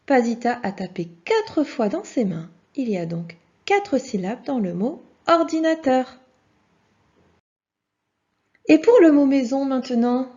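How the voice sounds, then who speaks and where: A woman teacher walks a child through a lesson, patient and encouraging, in a slightly high voice that takes its time. Her tone is a little husky, and the recording sounds dull and lo-fi. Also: very animated, mellow. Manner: slow, patient, encouraging, speaks to the child directly.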